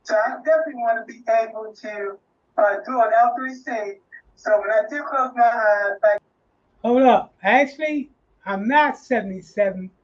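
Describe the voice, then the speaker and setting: High-voiced man in his sixties, lo-fi. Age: 60s. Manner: halting, many fillers and restarts. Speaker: nonprofit class instructor. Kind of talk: live online class wrap-up.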